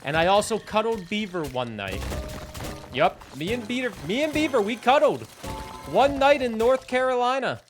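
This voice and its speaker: A man's voice: high voice, moderate pace, over music. A man in his twenties from New England, chatting casually with his live-stream chat while playing a game. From New England, United States. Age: 20s. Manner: animated, chatty, reads and answers chat.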